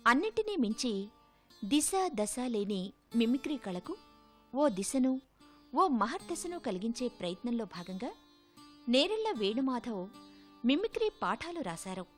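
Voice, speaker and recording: A woman's voice: a little high, very animated, unhurried, long pauses. A woman giving formal, poetic documentary narration from a script. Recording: narration with soft music underneath.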